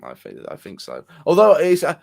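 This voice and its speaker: A young man co-hosting a casual football fan show, talking in halting bursts with many restarts. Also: fairly high pitch, huge pitch swings, creaky. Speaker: co-host of a football fan channel. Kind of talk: casual chat.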